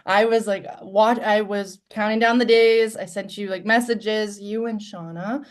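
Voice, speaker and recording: Woman guest, mid-pitched, earnest and reflective, swings between soft and emphatic. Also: fairly even intonation, a little slow. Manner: earnest and reflective, loudness rising and falling. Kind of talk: candid live-stream conversation.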